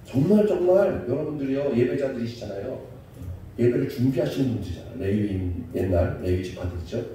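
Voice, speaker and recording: A male pastor preaches in a church sanctuary, his pitch rising and falling with lively emphasis. He has a Seoul Korean accent, and his voice is dark and mellow. He is recorded from a distance, so the voice carries a heavy echo and a faint hiss. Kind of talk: sermon. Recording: echoey hall, distant mic, faint hiss.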